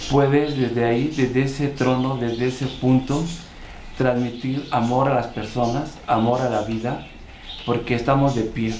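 A man with a Mexican accent, speaking in a measured, halting way in an interview. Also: mid-range voice, a little mellow, reverberant, a little hiss or hum. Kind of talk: reflective interview talk.

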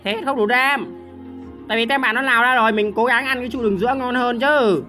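A young man streams a game, his voice high-pitched, bright and sharp. He talks in quick bursts of repeated words and grumbles at his teammates. Faint game music plays behind him. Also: fairly even intonation. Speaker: gaming streamer. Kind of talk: excited gameplay commentary.

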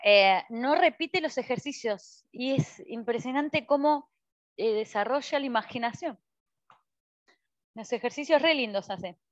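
A woman's voice: a little high, expressive, unhurried, no echo, lo-fi sound. A woman with an Argentine Spanish accent teaching a Pilates class, cueing movements with frequent checks and encouragement. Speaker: Pilates instructor. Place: Pilates studio.

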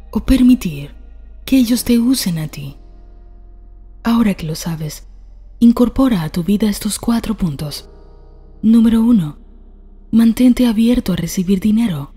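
A woman reading a scripted self-help narration in a calm, soft, breathy manner. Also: mid-range voice.

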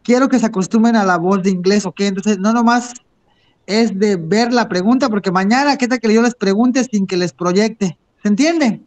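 Very high-voiced male teacher. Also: normal speed. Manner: encouraging, switches between English and Spanish. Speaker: English teacher. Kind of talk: online class instruction.

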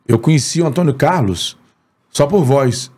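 A man's voice: on the high side, moderate pace, slightly rough. A man with a Brazilian Portuguese accent, a comedian and impressionist, telling a story in a podcast studio and acting out every scene. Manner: animated, acts out every scene.

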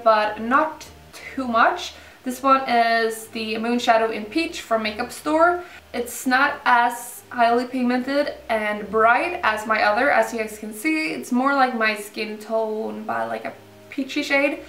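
A young woman casually talking through a makeup tutorial in an informal, unhurried way. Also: a little high, fairly bright tone. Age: young adult. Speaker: beauty vlogger. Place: indoor room set up for filming, backdrop. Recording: roomy, slightly distant mic, music behind.

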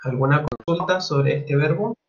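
A man with a Chilean accent teaching a Mandarin lesson online, speaking slowly and patiently and repeating each new word twice. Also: fairly high pitch, lo-fi sound.

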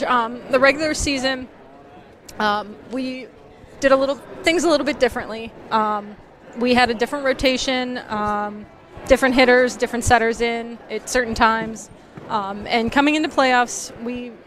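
A woman in her thirties, a high school volleyball coach, answering postgame questions earnestly with many filler ums, on a headset mic courtside in an empty gym. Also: slight background noise. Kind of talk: postgame interview.

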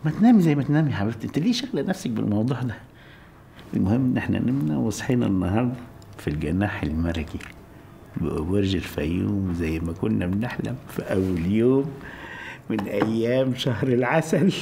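A man's voice: fairly low pitch, animated, a little fast, gravelly, a little hiss or hum. A man acting in a film as a doting, mature bridegroom who coaxes and soothes in Egyptian Arabic. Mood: coaxing, evasive. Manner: cajoling, soothing endearments. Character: doting bridegroom coaxing his new bride. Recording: film soundtrack with loud music.

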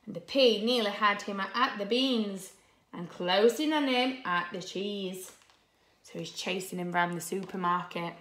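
A woman teacher reading a storybook to young children, gently pausing to ask them questions. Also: mid-range voice, reverberant. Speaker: nursery teacher.

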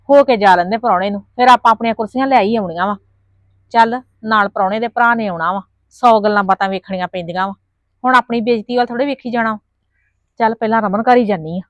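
A woman's voice: mid-range voice, fast, dry recording. A woman playing a poor mother who pleads humbly with a neighbour and mutters to herself, in a family drama. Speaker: mother hosting in-laws. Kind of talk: Punjabi village family drama acting.

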